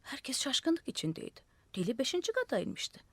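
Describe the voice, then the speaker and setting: Female audiobook narrator, theatrical and lively, dry close studio sound. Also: sits high, brisk, slightly rough, dry recording. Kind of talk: expressive storybook narration. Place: radio studio.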